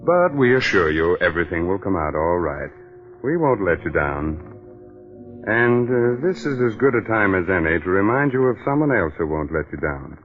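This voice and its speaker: A man playing a sly, teasing mystery host on 1940s radio, speaking in a deliberate, mock-soothing way. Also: low voice, big pitch swings. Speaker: mystery show host and sponsor announcer. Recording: muffled 1940s radio broadcast, music behind.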